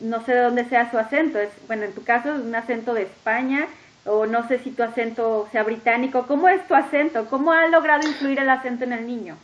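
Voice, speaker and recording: A woman hosting an interview, talking in a lively, emphatic way. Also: on the high side, a little fast. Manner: talkative, lively, emphatic listing. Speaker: podcast host interviewing a guest. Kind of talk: casual interview chat. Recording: dull lo-fi audio.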